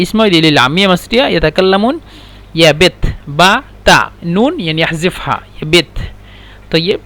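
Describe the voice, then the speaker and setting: A man's voice: high voice, fairly bright tone. A man teaching a language lesson, saying each phrase several times and spelling out the letters one by one, in a patient, repetitive way. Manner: patient and repetitive, slow careful drilling. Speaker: Arabic teacher.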